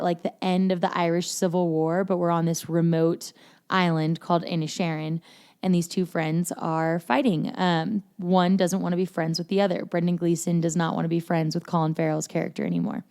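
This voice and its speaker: A woman's voice: on the low side, a little mellow, clear, resonant tone. A woman hosting a casual movie review podcast, chatty and self-deprecating, with lots of fillers. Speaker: podcast host.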